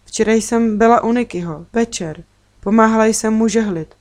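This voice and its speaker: A woman's voice: on the high side, a little mellow, close to an everyday voice. A woman voicing a serious, worried young girl in a children's storybook reading.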